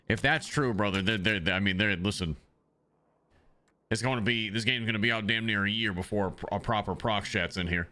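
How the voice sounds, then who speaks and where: A man's voice: on the low side, moderate pace, pauses often, bright, forceful tone. A man chatting loosely to his viewers as a streamer, rambling with many ums, speaking into a desk microphone. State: has the hiccups. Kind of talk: casual livestream chat.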